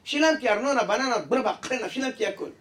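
A man acting out a cranky middle-aged husband with a swollen face, screeching in a high, frantic voice. He rants in loud outrage at whoever calls. The voice sounds a bit distant from the mic. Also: lively intonation. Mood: furious.

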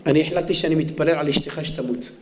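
A man voicing a wise older rabbi who speaks in a soft, measured, fatherly way. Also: fairly high pitch, background noise, pitched below the performer's own voice, close to an everyday voice. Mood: calm.

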